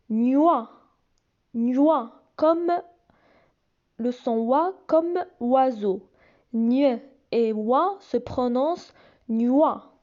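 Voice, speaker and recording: A woman teaching young children to read, sounding out each syllable slowly and repeating it. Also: on the high side, dull audio. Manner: slow, deliberate, repeats and stretches each sound. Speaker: reading teacher. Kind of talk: slow phonics lesson for young children.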